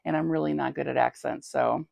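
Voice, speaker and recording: A woman's voice: low-pitched, steady tone, brisk, vocal fry, darkish tone, no room sound. A woman hosting a tabletop gaming channel, chatting casually and conversationally as she answers a viewer's question. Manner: chatty, conversational, thinking aloud. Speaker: tabletop game master and channel host.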